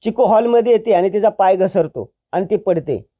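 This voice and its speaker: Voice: medium pitch, normal speed, dark tone. A narrator retelling the plot of a TV serial in plain storytelling, with dialogue tags between the characters' lines.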